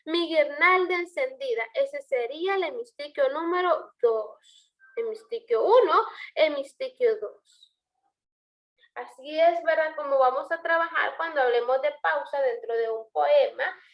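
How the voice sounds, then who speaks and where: A woman's voice: high voice, a little slow. A woman teaching a poetry lesson, explaining step by step and asking her students questions. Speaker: language teacher. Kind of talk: online class lecture.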